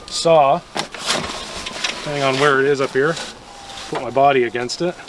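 Standing in the snow next to a vehicle, a young man who makes gear shows casually how his product works, stopping and starting as his hands stay busy. He speaks at a medium pitch, and a camera mic several steps off picks him up from a distance along with surrounding noise.

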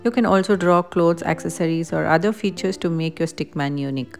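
Woman, lowish voice, scripted explainer narration, faint guitar music behind. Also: fairly quick, vocal fry. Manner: even, explanatory reading of benefits. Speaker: narrator of a parenting activity video.

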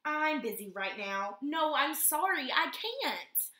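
A woman's voice: sits high, very animated, slow, sharp tone, roomy sound, heavily acted. A woman voicing a shy, nervous male koala who won't leave his tree. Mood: hesitant. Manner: hesitant, nervous.

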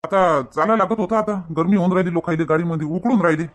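A man's voice: sits high, fast. A man acting in a village comedy skit, talking in a bossy, grumbling way. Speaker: comedy sketch actor.

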